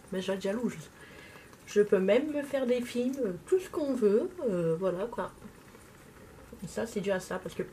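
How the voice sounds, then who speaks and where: A woman's voice: medium pitch, a little mellow. Young woman w/ a bit of a lisp, chatting while doing makeup, lots of euhs, some faint hiss. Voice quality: slight lisp. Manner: hesitant, many fillers. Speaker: makeup vlogger.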